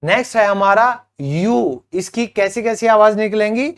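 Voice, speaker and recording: A man teaching English pronunciation, saying each example word on its own and then explaining it, and talking directly to his viewers. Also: high voice. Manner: slow, deliberate word-by-word drilling with glosses; addresses viewers as friends, asks them to comment. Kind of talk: spoken English pronunciation lesson.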